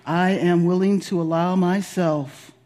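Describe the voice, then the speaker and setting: Guy doing guided meditation, really slow and soft-edged, lots of pauses, soothing and affirming. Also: sits high, fairly even intonation, slight background noise. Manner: affirming, gently instructive. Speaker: spiritual leader guiding a meditation.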